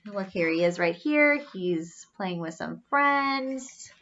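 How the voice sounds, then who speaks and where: The recording is muffled, and the woman's pitch is medium as she reads a story for kids. Her delivery is expressive and full of questions, with gasps, drawn-out emphasis, and simple asides for young listeners.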